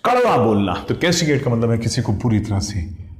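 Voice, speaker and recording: A man's voice: medium pitch, very animated, brisk, slight background noise. A man teaching exam vocabulary, explaining each word step by step and checking in with "okay?" after nearly every phrase. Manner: mimics shrieks and howls to act out sound words. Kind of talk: Hindi-English exam vocab lesson. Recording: echoey room.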